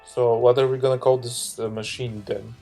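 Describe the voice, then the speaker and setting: A man's voice: medium pitch, little pitch movement, normal speed, vocal fry, warm tone, faint music behind. A man hosting a game live stream in casual chat, rambling with a slurred-sounding delivery while hiccuping.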